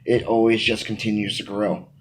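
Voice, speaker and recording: A man in his thirties with a lowish voice, speaking at normal speed, reads interview questions aloud and answers them as a wrestling manager. The poor audio carries a little hiss or hum, and he talks energetically and emphatically into a phone camera at arm's length in a small room at home, gesturing a lot.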